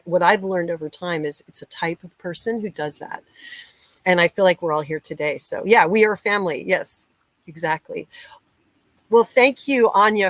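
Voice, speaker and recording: Chatty American woman musician, slightly low voice, dry close sound; hosts a stream and greets viewers. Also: a bit bright, dry recording. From United States. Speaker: musician hosting a livestream. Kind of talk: casual live-chat hosting.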